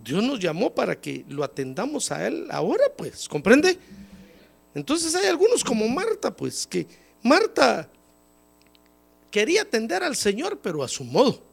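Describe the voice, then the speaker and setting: A man, a pastor, preaching a folksy sermon and calling his listeners "brother". He has a cold, and his voice jumps up high when he acts out quoted people. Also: huge pitch swings, moderate pace, creaky, husky. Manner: folksy, repeatedly calls listeners "hermano". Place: church service.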